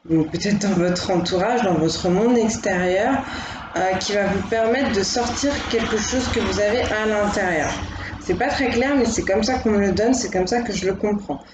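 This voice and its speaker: A woman doing a casual, spoken tarot reading as host, thinking aloud in a gentle, reassuring way. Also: medium pitch, normal speed, reverberant, noisy background. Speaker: tarot card reader.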